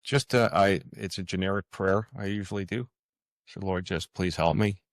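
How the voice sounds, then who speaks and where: An older man with a low, gravelly voice answers questions as a guest author in an interview. He speaks earnestly but haltingly, doubling back and repeating words. The recording is dry, with little room sound.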